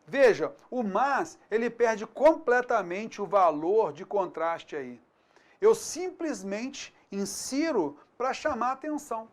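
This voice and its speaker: A man with a Brazilian Portuguese accent teaching a grammar lesson for an exam prep course, colloquial and lively, checking in with quick tag questions. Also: high voice. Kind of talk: recorded video lesson.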